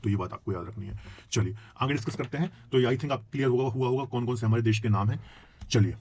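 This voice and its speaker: A man's voice: mid-range voice, fast, darkish tone. A man teaching a geography lesson to students, explaining with questions he answers himself and tagging his lines with "है ना". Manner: explains with questions, frequent tag "है ना". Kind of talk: classroom lecture.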